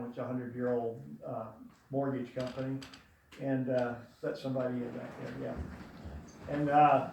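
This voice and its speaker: An older man with a mid-range voice gives a eulogy for his late brother, telling warm, rambling stories packed with fillers. He speaks before an audience in a large room. The recording has slight background noise, lots of echo, and a distant voice.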